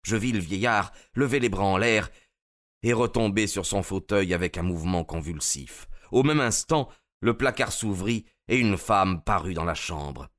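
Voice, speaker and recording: A man narrating an audiobook in a measured, dramatic way. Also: deep voice, animated, fairly bright tone.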